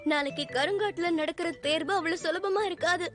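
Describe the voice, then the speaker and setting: A woman's voice: very high-pitched, a little fast. A woman dubbing a brash, boastful young swordswoman, with music behind. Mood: confident. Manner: brash and confident.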